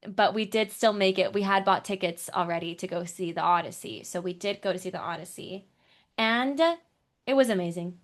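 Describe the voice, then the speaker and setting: A young woman co-hosting a podcast in casual chat, animated and rambling, laughing often, just getting over being ill. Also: fairly low pitch, a little fast. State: recovering from illness. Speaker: podcast co-host.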